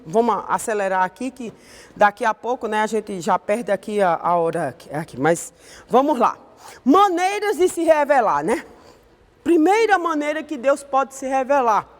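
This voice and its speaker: A woman's voice: high-pitched, in a large hall. A woman with a Brazilian accent teaching an online Sunday school Bible lesson in a conversational way, often ending her sentences with a questioning tag. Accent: Brazilian Portuguese.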